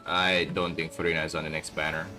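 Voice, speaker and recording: A man's voice: very deep voice, little pitch movement, fast talker, music in the background. A young man streaming a game, chatting casually in a laid-back way and calling his viewers bro. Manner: laid-back, calls everyone bro, reads chat aloud. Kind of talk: casual live-stream chat while playing.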